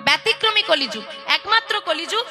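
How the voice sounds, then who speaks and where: Woman, devotional preacher, playful and teasing, high voice, seated crowd, loud music behind. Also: animated, brisk. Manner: playful, teasing the audience, calls for call-and-response. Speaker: kirtan preacher. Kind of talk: devotional sermon with chanting. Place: religious gathering before a seated audience.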